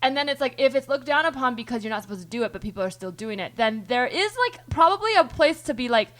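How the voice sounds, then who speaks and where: A woman's voice: fairly high pitch, animated, quick pace, a bit bright. A woman hosting a podcast, thinking aloud in long rambling turns full of restarts and the odd swear word. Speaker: podcast host. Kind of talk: casual chat.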